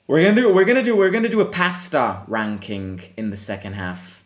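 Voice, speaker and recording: Brisk and medium-pitched, a young Italian host leads a live football watchalong on his fan channel. He talks casually, replies to viewer questions, and reacts excitedly to what happens on the pitch.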